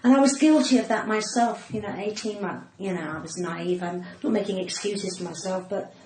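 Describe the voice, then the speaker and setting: Medium-pitched, a little fast and darkish in tone, the older woman speaks in a cut-glass, well-spoken English accent. As a comedian and actor guesting on a podcast, she tells candid stories and dramatically voices what people said, with roomy echo and faint background noise.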